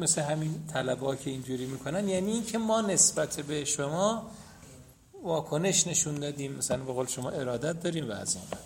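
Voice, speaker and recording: Gravelly guy giving a hadith lesson, reciting arabic chains, a bit high voice. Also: a little mellow, a little hiss or hum. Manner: explains step by step, recites Arabic chains of narrators. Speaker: seminary teacher.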